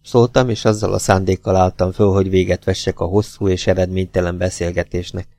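A man narrating an audiobook in a measured, composed way, asking pointed questions. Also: deep voice, level tone, dark tone, dry recording, studio quality. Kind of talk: audiobook reading.

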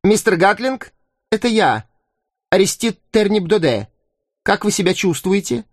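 A man's voice: high-pitched, animated, no room sound, studio quality, voice pushed up, heavily acted. Turnip-Dode, a man putting on a timid fussy guard. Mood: anxious. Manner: nervous, hurried, dropping to a whisper. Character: timid married male guard, fearful and fussy. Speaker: audiobook narrator. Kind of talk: audiobook character voice.

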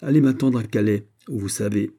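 A man's voice: on the low side, brisk, dark tone. A man voicing a loyal veteran musketeer captain in an audiobook, speaking in a respectful, soldierly way. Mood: earnest. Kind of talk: audiobook character reading.

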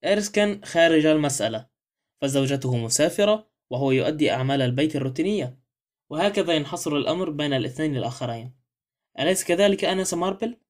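Brisk confident young wife, read by a man. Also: on the high side, darkish tone, close to an everyday voice. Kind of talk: audiobook character reading.

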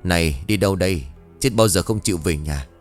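A man voicing a stern, gruff old village sorcerer in a ghost story. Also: sits low, fairly quick, faint music behind, close to an everyday voice. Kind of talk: audio ghost story reading.

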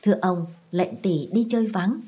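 A woman's voice: mid-range voice, moderate pace, mellow, husky, lightly acted. A woman voicing an elderly, proud mandarin's widow who speaks formally and probes with feigned friendliness. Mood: probing.

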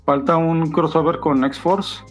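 A man's voice: fairly high pitch, steady tone, slow, dull audio, soft background music. A man co-hosting a casual comics podcast, chiming in with short corrections. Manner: brief, knowing interjections and corrections. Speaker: podcast co-host. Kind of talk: casual chat about comics.

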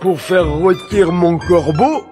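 Brief: slow drawling cheerful country simpleton, as put on by a man, raised pitch, music behind. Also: warm tone. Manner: goofy, drawling, self-assured. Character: cheerful simple young peasant, bold and silly. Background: music bed.

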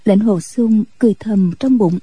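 A woman narrating a martial arts novel as a calm audiobook reader. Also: medium pitch, normal speed, breathy edge, dry recording. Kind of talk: scripted story narration.

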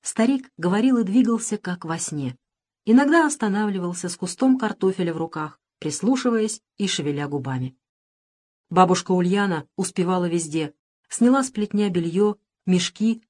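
A woman reads a novel aloud as an audiobook narrator. Her delivery is steady and measured, a calm storyteller's pace. Her voice sits at a middling pitch for a woman. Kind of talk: scripted narration.

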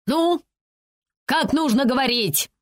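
A woman voicing a blustering, domineering middle-aged man who talks loudly and emphatically in an audiobook. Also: mid-range voice, animated, normal speed, dry recording, clean studio sound, lightly acted. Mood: roaring. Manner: loud, emphatic, tag questions.

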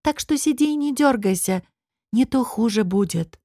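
A woman's voice: on the high side, animated, normal speed, mellow, no echo, clean studio sound. A woman voicing a glum young guard. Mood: earnest. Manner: cautious, earnest warning.

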